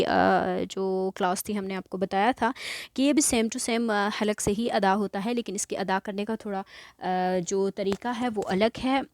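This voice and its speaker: A woman teaching a beginner recitation lesson, patiently drilling each sound slowly and mixing English words into her explanations. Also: mid-range voice, no echo, studio quality. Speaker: Quran reading teacher.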